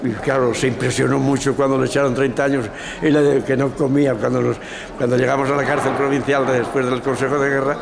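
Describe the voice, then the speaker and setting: A man's voice: medium pitch, level tone, fast talker, creaky. An older man with an accent from Spain gives spontaneous testimony, telling it anecdotally, repeating words and acting out remembered dialogue. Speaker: former political prisoner, eyewitness. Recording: long reverb, faint background noise.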